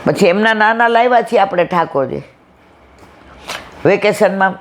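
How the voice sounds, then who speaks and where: Older woman, leading a devotional discourse as a warm-paced storyteller. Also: mid-range voice, animated, moderate pace. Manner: storytelling, acting out family anecdotes. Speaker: devotional speaker.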